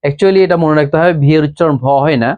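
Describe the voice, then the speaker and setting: A man with a Bengali accent giving an English pronunciation lesson, slowly repeating each rule and example. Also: on the high side, steady tone, narrow, tinny audio. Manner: slow, patient, repeats rules and examples. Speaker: English teacher.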